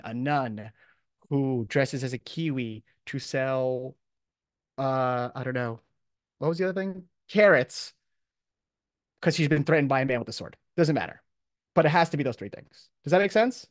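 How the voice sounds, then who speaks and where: With a fairly high pitch, a man acting as a college professor talks to his class in an informal, upbeat and encouraging way, leaning on casual slang. The sound is dry and clean, straight from a studio.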